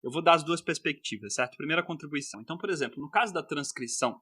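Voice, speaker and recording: A man's voice: on the high side, very fast, pushed and bright, slightly rough, no room sound. A man from the São Paulo interior with a local Portuguese accent, explaining linguistics as a podcast guest, often tagging sentences with "né?". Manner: explanatory, gives examples, many "né?" tags.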